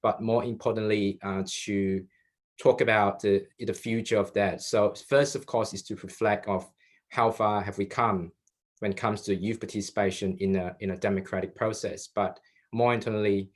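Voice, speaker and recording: This is a young man, hosting an online panel over a video call. His voice sits on the low side, and he talks in a relaxed, rambling way, filling pauses with ums and often restarting his sentences. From Malaysia. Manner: loose and conversational, with many ums and restarts. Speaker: webinar co-moderator. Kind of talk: live webinar hosting.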